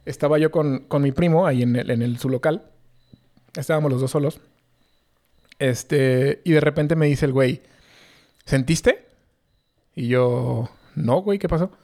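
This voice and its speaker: A man's voice: mid-range voice, fairly even intonation, normal speed, mellow. A young man with a Mexican Spanish accent, telling a long story in casual, slangy chat full of fillers. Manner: slangy, rambling, many fillers.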